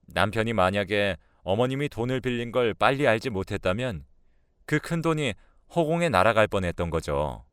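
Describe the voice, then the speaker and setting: A man narrating a scripted radio drama story in a steady, expressive storytelling manner. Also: on the low side, smooth, no echo, clean studio sound.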